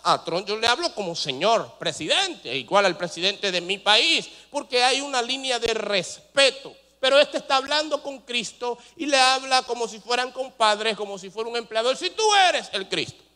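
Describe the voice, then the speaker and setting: A male pastor preaching a sermon, asking rhetorical questions and swinging between loud rises and soft drops. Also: very high voice, lively intonation, normal speed, hardly any pauses. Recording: long hall reverb.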